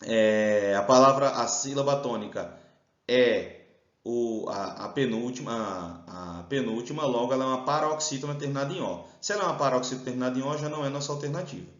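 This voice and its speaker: A man's voice: mid-range voice, fairly quick, fairly bright tone. A Brazilian man teaching an exam-prep grammar lesson, explaining step by step and stretching out stressed syllables. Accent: Brazilian Portuguese. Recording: roomy, slightly dull sound.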